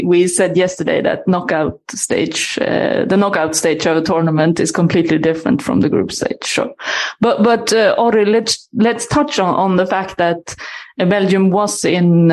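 A woman's voice: on the low side, darkish tone. A woman hosting a football podcast, chatting casually with many hesitations and restarts. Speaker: podcast host.

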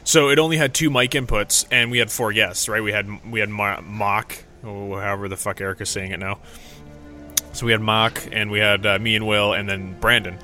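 A man's voice: fairly low pitch, fairly even intonation, normal speed, sharp tone, soft background music. A young man hosting a podcast, telling rambling, profane stories in casual chat into a studio mic. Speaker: podcast host. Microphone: studio mic through a mixer.

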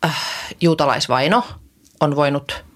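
A woman co-hosting a podcast in casual chat, often hesitant, trailing off and restarting, then animated. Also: sits low. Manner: animated, lively. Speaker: podcast co-host.

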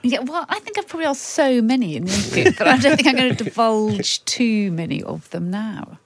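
A woman's voice: on the high side, lively intonation, brisk, no room sound. A middle-aged woman, a newspaper columnist, chatting candidly and at length. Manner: candid, rambling, conversational. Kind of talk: casual chat.

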